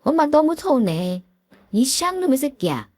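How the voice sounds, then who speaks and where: A woman's voice: high voice, very animated, moderate pace, darkish tone, no echo, voice pushed up. A woman voicing a domineering middle-aged mother-in-law who scolds and whines reproachfully. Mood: whiny.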